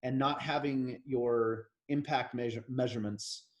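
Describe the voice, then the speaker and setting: Speaking unhurriedly in a steady, medium-pitched voice, this podcast co-host is an American man in his thirties. The talk is casual politics, and he gets opinionated and rambling, often starting sentences over.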